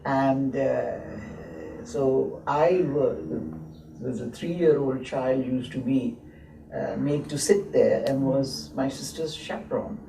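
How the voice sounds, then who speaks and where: A woman in her seventies, born in Lahore and raised in Abbottabad, reminisces slowly as an interviewee, with many hesitant pauses. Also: rumbling low, steady tone, vocal fry, dark tone. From born in Lahore, grew up in Abbottabad. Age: 70s. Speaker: interviewee, textile historian. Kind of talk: slow reflective reminiscing. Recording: roomy echo, mic at a distance, faint hiss.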